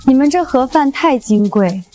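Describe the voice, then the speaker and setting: Brief: calm, defiant young wife, high voice, dry sarcastic edge. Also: female voice, moderate pace, soft background music. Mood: cold. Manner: cool, cutting, sarcastic. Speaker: wronged wife. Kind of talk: short drama acting.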